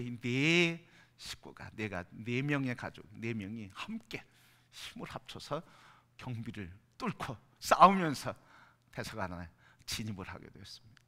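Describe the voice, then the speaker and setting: A male pastor delivers an impassioned sermon, his bright, ringing voice ranging widely in pitch. He builds to loud, fervent climaxes and sinks to near whispers. A long reverb trails his words through the church hall. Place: church sanctuary.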